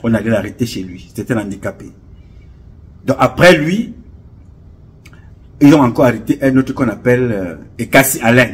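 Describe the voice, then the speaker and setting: Husky man, Cameroonian French accent, mid-pitched, preachy rambling commentary monologue. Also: animated, moderate pace, pauses often. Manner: impassioned and preachy, repeats words and rambles. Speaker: online commentator.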